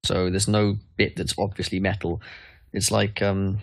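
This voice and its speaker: A man's voice: deep voice, little pitch movement, a little slow, creaky, dry recording. A man playing a tabletop game in a casual way, arguing rules and swearing now and then. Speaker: player.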